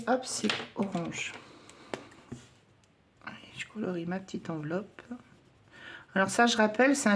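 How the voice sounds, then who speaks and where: A woman's voice: mid-range voice, background noise. Chatty woman budgeting at home. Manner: chatty, hesitant with many fillers, counting coins aloud. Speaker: budgeting vlogger. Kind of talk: casual chat while doing budget challenges.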